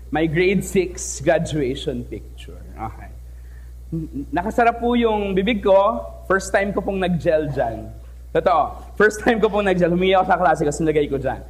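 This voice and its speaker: A young man from the Philippines speaks to an audience from a stage microphone, telling a story in a lively, joking way. His voice sits high for a man and rises and falls widely. He keeps drawing the crowd in with quick questions. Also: husky. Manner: lively, playful, switches between languages, asks the audience questions. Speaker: teacher giving a talk. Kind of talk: storytelling speech to a live audience. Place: stage in an event hall.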